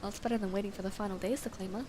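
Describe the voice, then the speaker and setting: A woman's voice: medium pitch, fairly even intonation, very fast, background noise, close to an everyday voice. A woman voicing a weary farmer who is worried about leaving, speaking in a subdued, rambling way. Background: game music.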